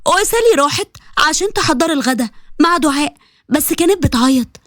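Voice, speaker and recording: A woman's voice: high-pitched, lively intonation, no room sound, studio quality. A woman with an Egyptian accent narrating a scripted story and voicing every character herself. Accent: Egyptian Arabic. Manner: quick, plays all the characters herself.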